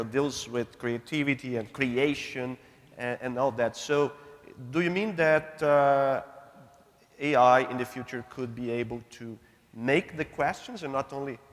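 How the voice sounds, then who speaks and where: A man moderating a roundtable, polite and hesitant with many fillers. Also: mid-range voice. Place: large conference hall. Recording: reverberant hall.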